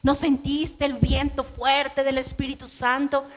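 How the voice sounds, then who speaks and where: A woman's voice: sits high, level tone, unhurried. A middle-aged woman pastor with a Mexican accent, preaching a sermon in a chatty storytelling way and acting out her own past words. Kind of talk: sermon with personal testimony.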